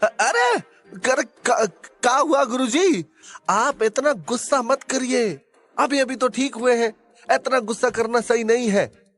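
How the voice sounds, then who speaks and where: A jittery Bihari sidekick. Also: male voice, extremely high pitch, big pitch swings, slow pace, fairly bright tone, pitched above the performer's own voice, exaggerated voice. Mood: alarmed. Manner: stammering, jittery, chatty. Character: nervous, flattering young sidekick man. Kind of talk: audio drama storytelling.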